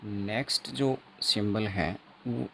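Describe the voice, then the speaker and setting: A man teaching an exam-prep phonetics lesson, explaining slowly and repeating himself, writing on a board as he talks, with Indian English words. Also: fairly low pitch, vocal fry, fairly bright tone, a little hiss or hum. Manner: slow, repetitive teaching with frequent checks; writes on a board while talking.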